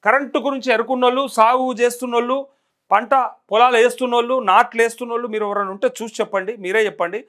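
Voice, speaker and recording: Fast, high-voiced Telangana host. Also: male voice, steady tone, fairly bright tone. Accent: Telangana Telugu. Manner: urgent, rapid-fire, rhetorical questions. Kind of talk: live call-in political commentary.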